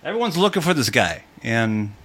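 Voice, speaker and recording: A man's voice: medium pitch, big pitch swings, moderate pace, fairly bright tone. A man co-hosting a casual entertainment podcast, joking and swearing as he rambles through stories with many fillers. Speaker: podcast co-host. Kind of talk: casual chat.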